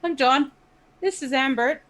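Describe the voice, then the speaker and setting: Woman playing jumpy, gullible night-watch guard, high voice. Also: measured pace, bright, forceful tone. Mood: relieved.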